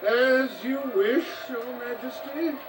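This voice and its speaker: Slow, silky, smug game aristocrat villain. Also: male voice, very high voice, steady tone, music in the background. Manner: theatrical, drawling. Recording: distant game audio, background noise.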